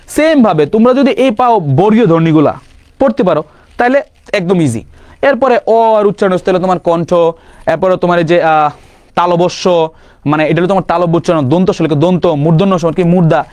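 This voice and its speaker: A young man teaching grammar for an exam-prep class, firing quick questions and answering them himself, casually mixing in English words. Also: high-pitched, darkish tone, dry recording. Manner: quizzing with rapid questions and self-answers. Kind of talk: online exam-prep lesson.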